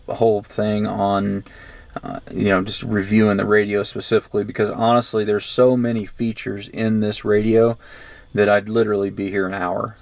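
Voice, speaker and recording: There's no echo on this handheld camera recording, though background noise is clearly audible. The speaker, an American man who presents gear review videos, sounds low and darkish as he rambles through a casual, unscripted, matter-of-fact review.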